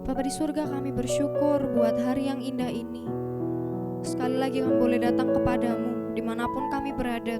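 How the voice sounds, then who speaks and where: Prayer leader: devout woman with a higher voice, earnest, over loud piano music. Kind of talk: spoken prayer.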